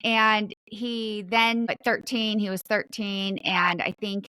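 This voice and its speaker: A woman's voice: mid-range voice, steady tone, slow pace, pushed and bright, clear, resonant tone, dry recording. Dry-voiced woman hosting a podcast. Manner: chatty, anecdotal, with light fillers. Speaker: podcast host. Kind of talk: casual storytelling interview.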